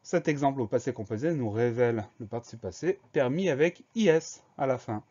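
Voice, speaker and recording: A man's voice: mid-range voice, lively intonation, brisk, warm tone, highs cut off. Methodical man spelling out words. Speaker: teacher. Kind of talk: spelling dictation lesson.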